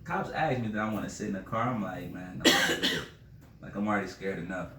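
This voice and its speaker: A man co-hosting a podcast, telling a story in animated, profane casual chat. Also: fairly low pitch, quick pace, a crowd in the background. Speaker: podcast co-host. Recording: echoey room, distant mic, faint noise.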